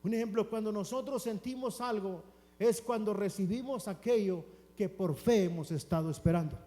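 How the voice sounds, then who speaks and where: A man preaching a fervent church sermon, calling listeners brothers and building up to shouts. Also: high voice, normal speed. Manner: impassioned, rising to shouts, addresses listeners as brothers. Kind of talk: Pentecostal sermon. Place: church sanctuary. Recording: long church hall reverb.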